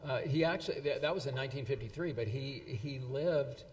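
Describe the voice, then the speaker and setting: A man presenting at an event, reading quotations in a halting way with many fillers and restarts. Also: medium pitch. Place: event hall. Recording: long hall reverb.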